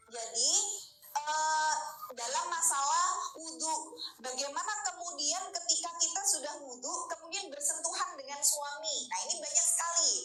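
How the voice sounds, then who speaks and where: High-voiced Javanese woman teaching in echoey room. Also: pushed and bright. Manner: chatty, asks listeners for agreement. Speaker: religious teacher. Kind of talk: Islamic study lecture to women. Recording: echoey room with clear noise.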